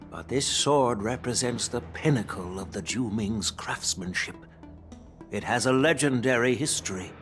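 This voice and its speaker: A man dubs a dignified elderly general for a game in the studio, speaking in a measured, courteous and stately manner. His voice is medium in pitch with a fairly bright tone.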